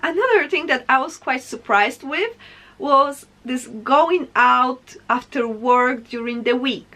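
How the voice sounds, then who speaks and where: Slow-paced but animated, this young vlogger from Poland speaks to her viewers in a relaxed monologue to camera. She has a Polish accent and a high-sitting voice that sounds pushed and bright.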